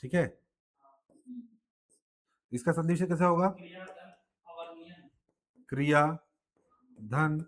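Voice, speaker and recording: A man teaching a Hindi grammar class with a Chhattisgarhi-tinged accent, checking in often with the class and spelling words out slowly. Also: a little high. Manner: drills students with frequent "ठीक है" checks. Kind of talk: live classroom lesson.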